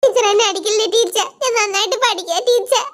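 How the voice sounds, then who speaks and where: A woman's voice: very high-pitched, fast talker, heavy background noise. A woman voicing a frightened, whiny schoolgirl who pleads with her teacher in a doll play. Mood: pleading. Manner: pleading, whimpering, panicky.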